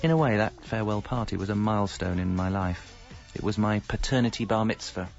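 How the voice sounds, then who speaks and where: A lowish, brisk voice with vocal fry belongs to an actor playing the lead and narrator of a radio comedy, a middle-aged British married man who reflects wryly and articulately on his double life, mocking himself along the way. The sound is dull lo-fi with faint music.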